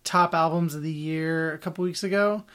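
A man's voice: on the high side, normal speed, clean tone. A man in his thirties hosts a podcast at home, his voice stuffed up from a head cold. He talks in a loose, rambling way, full of uhs and ums. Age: 30s. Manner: relaxed, rambling, many fillers. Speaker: podcast host. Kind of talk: casual podcast chat. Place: spare bedroom at home.

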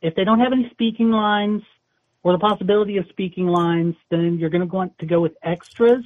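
Heard over a phone speaker, a casting agent talks hesitantly and keeps restarting his sentences. The man's voice is high-pitched and a little fast, and the phone line sounds tinny.

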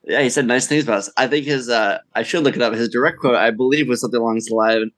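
A man's voice: medium pitch, quick pace, fairly bright tone. A young man co-hosting a podcast, talking in a rambling, easygoing way and laughing often. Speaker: podcast co-host. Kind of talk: casual chat.

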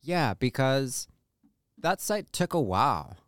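A man co-hosting a podcast in relaxed, conversational chat. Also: medium pitch, takes it slowly, dry recording, studio quality. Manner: relaxed, conversational, uses "like" often. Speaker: podcast co-host. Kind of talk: casual chat.

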